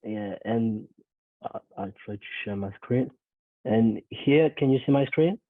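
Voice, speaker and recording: A man's voice: medium pitch, no room sound. Young man with a cold on a tinny screen-recorded call. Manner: halting, with many ums and restarts. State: has a cold. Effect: voice from a screen recording of a video call. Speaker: conference presenter. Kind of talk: technical conference talk. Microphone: video call. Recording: tinny, dry video-call audio.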